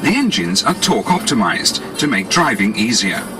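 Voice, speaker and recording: Here the pitch sits fairly low, though it still moves in big swings, and the pace is moderate. It's a British man on cassette tape giving polished, salesman-like 1980s promotional narration from a script, backed by music.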